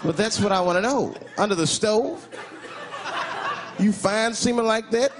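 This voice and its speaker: A male stand-up comedian telling stories in an animated, incredulous manner in front of a live audience. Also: sits high, a little slow. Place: stage before a live audience. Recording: loud laughing crowd and heavy noise.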